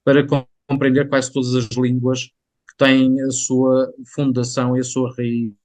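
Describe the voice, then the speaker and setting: Guest expert, male, European Portuguese accent, slow and hesitant, dry close sound. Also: medium pitch, completely flat delivery, a little mellow, no room sound. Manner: hesitant, many drawn-out fillers. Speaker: guest scholar. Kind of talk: interview conversation.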